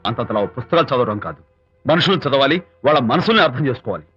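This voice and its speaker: A man's voice: medium pitch, animated, very fast, a bit bright, natural voice. A man playing a stubborn, lecturing young husband. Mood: stern. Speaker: film actor as husband. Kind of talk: 1990s film dialogue. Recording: muffled film soundtrack with music.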